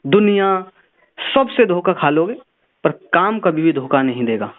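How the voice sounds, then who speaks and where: A man's voice: fairly high pitch, lively intonation, a little slow. A man giving earnest, preachy motivational advice on a phone call, repeating words for emphasis. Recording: tinny phone line.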